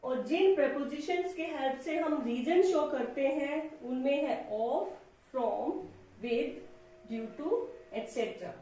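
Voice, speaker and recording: A woman with an Indian English accent teaching a grammar lesson, slowly listing examples one by one and addressing her learners. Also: sits high, warm tone. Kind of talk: classroom lecture mixing Hindi and English. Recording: very echoey room, distant mic.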